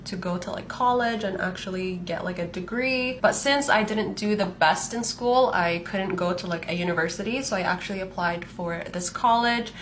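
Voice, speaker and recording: A chatty young woman in her mid-twenties tells her life story while doing her makeup at home, her voice sitting at a middle pitch. She talks casually with lots of fillers, and a faint hiss sits under the recording. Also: normal speed, few pauses, fairly bright tone. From Palestinian, born in Saudi Arabia, raised in Canada. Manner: chatty, frequent "like" fillers, light laughs. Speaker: fashion content creator. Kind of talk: casual get-ready-with-me storytelling.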